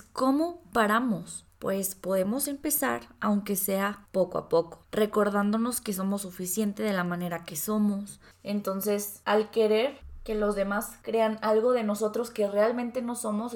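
A woman's voice: mid-range voice, roomy sound. A woman from Sonora with a northern Mexican accent, co-hosting a casual podcast and telling stories animatedly, mimicking other people's voices. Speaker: podcast co-host. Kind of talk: casual podcast chat and advice.

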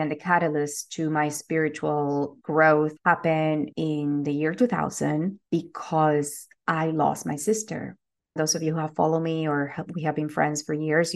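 A woman's voice: deep voice, vocal fry. A woman from Venezuela, hosting a podcast and telling her personal story in an earnest, heartfelt way. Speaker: podcast host.

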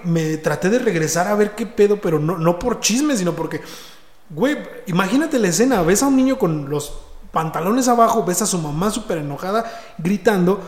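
A man with a Mexico City accent telling a personal story in casual, slangy speech, often repeating and restarting words. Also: fairly high pitch. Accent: Mexico City Spanish. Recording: echoey room with long reverb.

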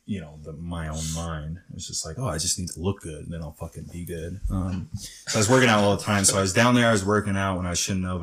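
Low husky-voiced man. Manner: rambling, heavy use of "like" and profanity. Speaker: guest in recovery. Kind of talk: casual storytelling interview.

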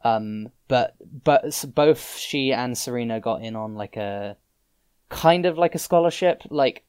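A man's voice: medium pitch, a little slow, darkish tone, clear, resonant tone, no room sound. Hesitant man playing a tabletop character. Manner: hesitant, many fillers and restarts while improvising. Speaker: player.

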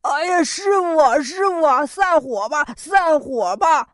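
A slow-talking, dim but good-natured pig-monk from a children's storybook, voiced by a woman. He speaks in a plain rustic way, a little high in pitch. The sound is dry and close. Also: expressive, dry recording. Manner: rustic folksy talk, calls himself 俺老猪. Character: clumsy greedy pig-monk, male, simple-minded.

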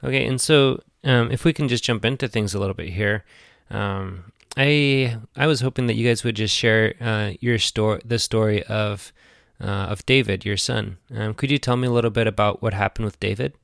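Low gravelly guy interviewing people, dry close sound, gentle and a bit halting. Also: no room sound. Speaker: interviewer host. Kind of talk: podcast interview.

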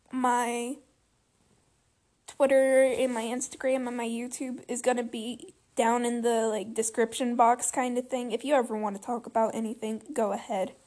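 Halting, soft-spoken woman venting. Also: high-pitched. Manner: halting, many fillers and restarts. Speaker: vlogger. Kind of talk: personal venting monologue.

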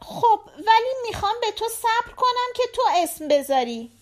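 A woman voices a chatty little girl for a short-story audiobook, using a very high, sing-song pitch set above her natural voice. The girl is curious and quick, asking question after question.

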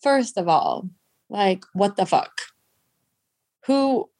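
A woman's voice: on the low side, little pitch movement, takes it slowly, a little mellow, no room sound. A woman with a congested, stuffed-up nose from allergies, co-hosting a casual podcast from home. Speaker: podcast co-host. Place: at home on a couch, recorded over a video call.

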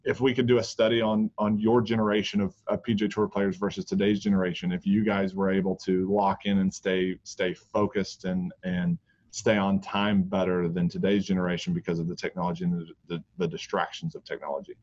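A man's voice: low voice, little pitch movement, brisk, a little mellow. A man in his thirties, a golf coach co-hosting a podcast, chatting casually with lots of restarts. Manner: rambling, frequent restarts and fillers. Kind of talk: casual chat. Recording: dull lo-fi podcast audio.

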